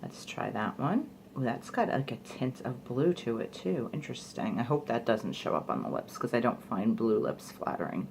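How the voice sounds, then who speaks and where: A woman's voice: extremely low pitch, very animated, normal speed, gravelly, darkish tone, slight background noise. A young woman chatting casually through a product review, rambling with fillers like "like" and "you know". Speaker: beauty vlogger.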